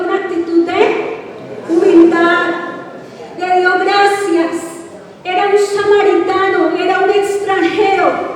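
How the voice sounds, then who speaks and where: High-voiced woman preaching in a hall. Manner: preaching with call-and-response questions, drawn-out emphatic words. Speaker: pastor. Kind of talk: sermon. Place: large church hall. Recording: echoey hall from far off.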